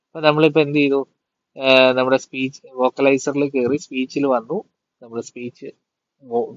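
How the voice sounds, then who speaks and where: A man giving a casual tech tutorial and explaining phone settings, pausing often with fillers. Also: medium pitch, dull audio. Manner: hesitant, with many fillers.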